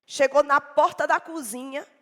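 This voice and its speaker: A woman's voice: high-pitched, steady tone, moderate pace. Dramatic woman preacher in an echoey hall. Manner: dramatic storytelling, swings between loud and hushed. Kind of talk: sermon. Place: church.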